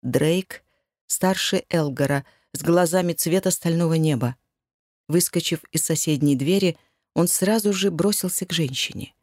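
A woman reading a first-person fantasy audiobook in an even, measured way. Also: low voice, no echo, studio quality. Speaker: audiobook narrator.

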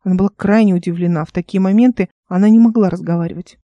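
A woman narrating her own fantasy audiobook in a calm, measured reading. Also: medium pitch, dry recording, muffled recording.

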